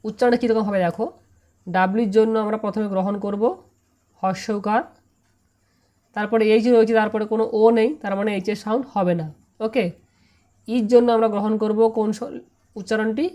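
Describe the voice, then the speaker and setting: A woman with a Bengali accent teaching English pronunciation in an online lesson, spelling out letters and repeating each syllable slowly. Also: mid-range voice, steady tone, mellow.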